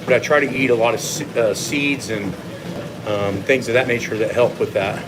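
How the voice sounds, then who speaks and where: A man's voice: mid-range voice, moderate pace. A man coaching casually on a livestream while walking on a treadmill, explaining and giving his opinions to viewers. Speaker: fitness coach hosting a live Q&A. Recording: clear steady machine noise behind voice. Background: treadmill or machine hum.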